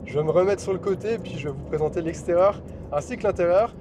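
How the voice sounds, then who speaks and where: A man's voice: high-pitched, fast, background noise. A man presenting a chatty, enthusiastic car review, talking from the driver's seat and then beside the car.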